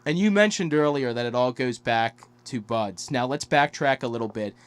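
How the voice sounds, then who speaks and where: A man's voice: mid-range voice, moderate pace, clean tone, no echo. A man hosting an interview, asking long, hedging questions full of "you know". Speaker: interview host.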